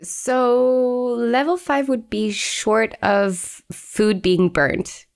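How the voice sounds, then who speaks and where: A woman's voice: a little high, fairly even intonation, extremely slow, vocal fry. A woman hosting a podcast, chatting in a playful, casual way. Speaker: podcast host.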